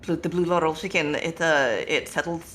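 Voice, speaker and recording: Halting, rambling tabletop game player. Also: mid-range voice, fairly even intonation, a bit bright, slight background noise. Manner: halting, rambling, self-correcting. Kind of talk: improvised tabletop role-play narration.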